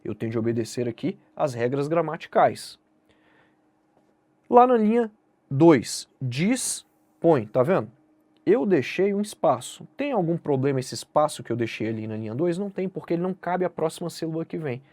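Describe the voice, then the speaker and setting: Here a Brazilian man, accent Brazilian Portuguese, explains essay grading in an online exam-prep lesson, talking directly to the viewer and answering the questions he raises. The voice is a little high and darkish in tone, animated and brisk, recorded without echo.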